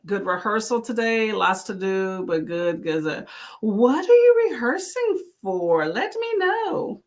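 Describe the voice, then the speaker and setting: A livestream host chats casually with viewers, reading their comments aloud and cheering them on, often exclaiming. Her mid-range voice is sing-song and slow, and she clears her throat.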